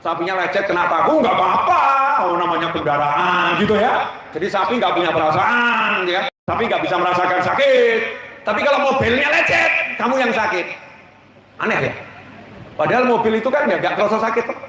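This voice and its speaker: A man's voice: high voice, brisk, slight background noise. A man giving a humorous religious sermon, telling stories with folksy asides. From Indonesia. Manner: humorous, lively storytelling with Javanese asides. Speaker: preacher. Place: large hall at a religious gathering. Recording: echoey, distant mic with faint background ambience.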